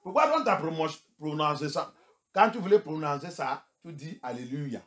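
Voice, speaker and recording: A man's voice: fairly high pitch, lively intonation, normal speed. A male pastor preaching, who moves between English and French and fires rhetorical questions at the congregation. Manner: switches between English and French, rising to shouts. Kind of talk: sermon.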